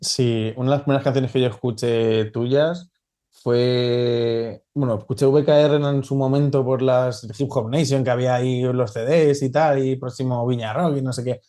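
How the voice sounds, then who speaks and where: Mellow-voiced Spanish podcast co-host. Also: male voice, medium pitch, steady tone, normal speed. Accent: Spain Spanish. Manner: hesitant, many fillers before questions. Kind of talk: casual interview talk.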